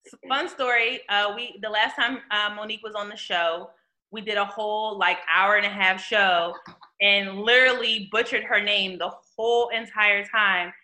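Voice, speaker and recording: A woman's voice: mid-range voice, fairly even intonation, moderate pace, sharp tone. A woman co-hosting a talk show in a casual, conversational style. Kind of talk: casual chat.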